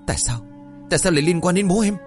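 A ruthless young master, played by a male narrator, barking short, commanding questions. His voice jumps sharply in pitch when he is shaken. Faint music sits underneath. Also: expressive, fast, lightly acted. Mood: harsh. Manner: curt, commanding. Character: harsh young master, ruthless wife-killer.

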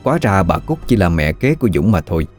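A man narrating a horror story in a measured, even way. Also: sits low. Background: faint music.

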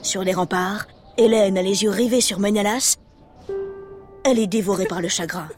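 A woman's voice: mid-range voice, moderate pace. A woman telling a story to children in a playful, exclamatory style with chatty asides. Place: radio studio. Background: music.

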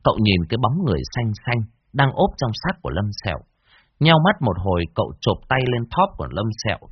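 A man narrates a horror tale in a low, husky voice that rises and falls with lively expression. The recording is dry and dull, a bit lo-fi. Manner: vivid, expressive storytelling. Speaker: storyteller.

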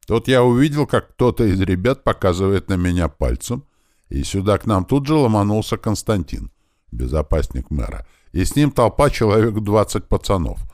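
A man narrating a first-person audiobook in a lively, conversational storytelling manner. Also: on the low side, normal speed, no room sound, studio quality.

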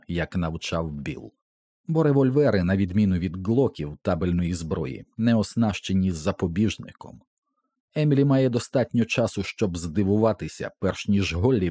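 Deep-voiced man narrating an audiobook. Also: no echo, clean studio sound. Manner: tense, expressive reading.

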